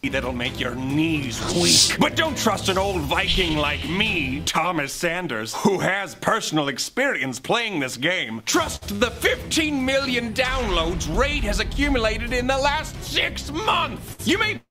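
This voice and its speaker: A man putting on a rowdy old Viking with a pirate drawl, bellowing a game sponsor pitch in a comedy video. The voice swoops up and down with wild, animated pitch, while music plays underneath. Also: slow, hardly any pauses, heavily acted. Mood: boisterous. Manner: loud, theatrical pirate-style drawl. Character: boisterous old male Viking talking like a pirate.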